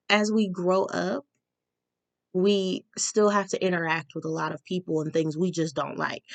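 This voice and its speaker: Low-voiced woman giving a tarot reading. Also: dry recording. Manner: candid, advice-giving, slows down for emphasis. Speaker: tarot reader. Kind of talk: casual tarot reading to camera.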